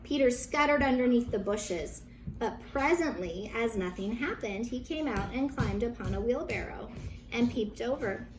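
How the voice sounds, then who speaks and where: A woman teacher reading a children's story aloud with animated emphasis, dramatic pauses and brief asides to her young listeners. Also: on the high side, faint music behind, low-quality recording.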